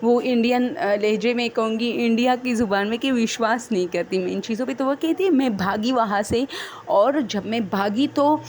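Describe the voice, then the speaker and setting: A woman's voice: a little high, darkish tone. A woman telling her own horror story in a rambling, unscripted, conversational way.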